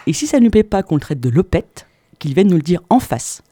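A radio columnist from southern France, with a high, warm, very animated voice, speaks a little fast into a studio microphone. His chronicle is a mock-serious, ironic comedy piece packed with rambling asides, and the recording is dry.

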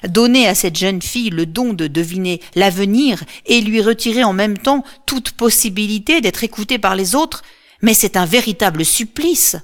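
Scolding, indignant goddess, a woman doing her, sharp and stern, storybook. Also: mid-range voice, moderate pace, lightly acted. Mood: outraged.

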